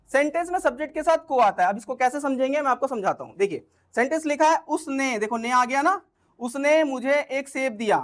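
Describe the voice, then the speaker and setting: A woman teaching an English grammar lesson. She explains step by step, keeps checking that her listeners follow, and clears her throat now and then. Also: sits high.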